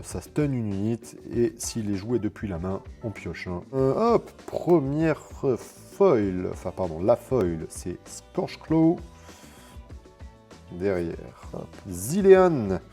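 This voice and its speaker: A man with a fairly low, mellow voice gives casual commentary as he opens booster packs. He draws out each card name, then drops into quicker, quieter rule explanations full of fillers and self-corrections. Soft music plays faintly underneath. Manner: reads card names slowly, then explains rules in a quick, low aside. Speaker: card game content creator.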